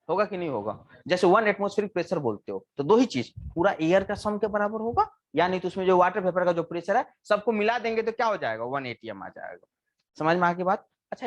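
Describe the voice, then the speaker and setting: A male engineering teacher lecturing a live class in a lively voice that swings up and down. He keeps asking the students questions and answers them himself, and slows down sharply when he dictates a definition to be written down. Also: sits high. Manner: homely, colloquial teaching with everyday examples.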